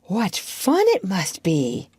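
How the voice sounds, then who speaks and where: A woman voicing Wendy, an eager, well-mannered young girl, in a wide-eyed, excitable tone for an audiobook. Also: mid-range voice, takes it slowly, husky, dry recording, studio quality, full character voice. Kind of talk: audiobook character reading.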